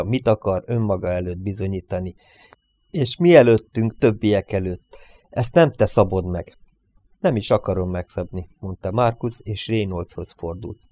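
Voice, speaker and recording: A man reading a novel aloud as an audiobook narrator, lifting his voice for the characters' lines and dropping quietly on the speech tags. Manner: reads dialogue with lifts for characters, drops low on speech tags.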